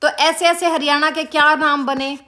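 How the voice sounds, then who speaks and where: A woman's voice: high voice, fairly even intonation, normal speed, sharp tone. A woman teaching an exam-prep lesson, repeating key words and quizzing her students with questions. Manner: calls students "beta".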